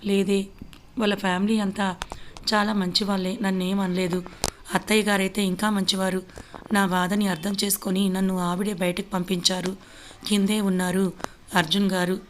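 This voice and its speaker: A woman's voice: mid-range voice, flat delivery, normal speed, a little hiss or hum, lightly acted. A woman voicing a timid young bride. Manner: soft, hesitant.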